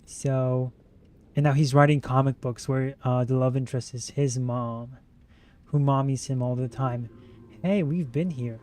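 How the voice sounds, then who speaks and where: A man's voice: medium pitch, fairly even intonation, measured pace, a little mellow. A man streaming a video game who chats casually, rambling while he plays and answering his chat. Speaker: gaming streamer. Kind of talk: casual let's-play commentary.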